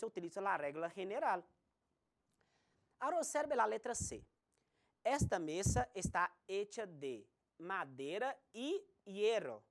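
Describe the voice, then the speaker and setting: A woman teaching a recorded Spanish grammar lesson, slowly spelling out examples. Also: medium pitch. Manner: slow, deliberate explanation with spelled-out examples.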